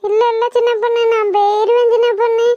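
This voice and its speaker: A woman's voice: very high-pitched, flat delivery, quick pace, mellow, dry recording. A woman voicing a desperate female ghost mother in a cartoon, begging over and over for help to see her child. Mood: pleading. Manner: begging, repeats pleas over and over. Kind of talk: cartoon voice acting. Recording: dull lo-fi, dry.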